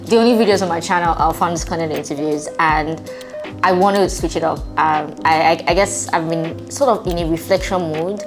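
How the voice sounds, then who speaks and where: Her voice sits low and her pace is moderate: a woman in her twenties, hungover, addressing viewers of her channel in a casual, thoughtful, conversational way while music plays in the background.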